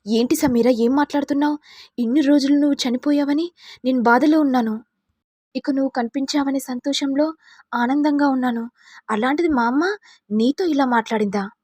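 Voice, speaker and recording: A woman's voice: high voice, normal speed, a little mellow, no room sound, pitched above the performer's own voice, lightly acted. Urgent devoted young man, voiced by a woman, raised voice, dry sound.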